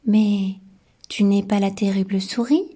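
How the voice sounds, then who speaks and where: A woman's voice: mid-range voice, steady tone, unhurried, dark tone, breathy edge. A woman voicing a curious, plucky young monster boy in a childlike voice, reading a storybook to a toddler. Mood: puzzled.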